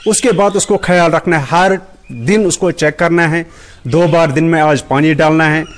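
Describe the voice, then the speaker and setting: Speaking into a handheld reporter mic close to his mouth, a middle-aged man with a Kashmiri accent who works on a rabbit farm fields an interviewer's questions inside a big open-sided shed. His voice is on the high side, steady in tone and moderately paced. His answers are practical and straightforward, sprinkled with frequent polite "ji sir"s.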